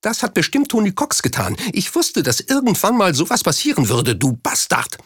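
A man reading an audiobook, voicing a distraught middle-aged woman whose voice climbs high and strains into cries. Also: very animated, brisk, husky, dry recording, studio quality. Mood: screaming.

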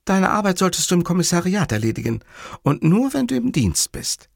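A man voicing an irritated, sharp-tongued woman who scolds her partner in curt remarks. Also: high voice, very animated, a little fast, creaky, dry recording, clean studio sound, voice pushed up, full character voice.

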